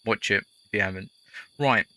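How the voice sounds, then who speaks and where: A man's voice: on the low side, moderate pace, bright, forceful tone. A man hosting a let's play, giving casual gameplay commentary that rambles into chatty, jokey storytelling.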